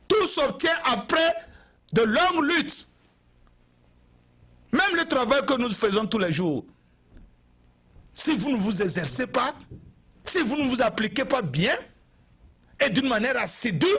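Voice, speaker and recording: A man's voice: very high-pitched, pushed and bright, breathy edge. A man from Togo, giving an impassioned TV address and repeating phrases for emphasis. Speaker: TV commentator.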